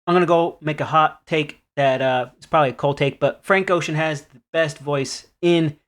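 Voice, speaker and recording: A man co-hosting a podcast in casual chat, laughing often while giving relaxed opinions. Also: a little high, moderate pace. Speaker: podcast co-host.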